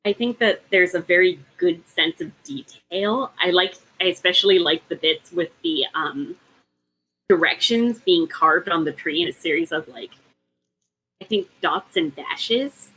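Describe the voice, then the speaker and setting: Her voice fairly low, a little slow, bright, and forceful, a woman co-host on a casual book podcast lays out a long, careful case. She says um frequently and restarts her thoughts, and the audio quality is poor.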